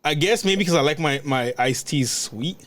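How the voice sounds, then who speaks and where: A man's voice: fairly high pitch, a bit bright, no echo. Young man, podcast co-host, casual chat, rambling, stumbling restarts, dry close sound. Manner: rambling, halting restarts, many fillers.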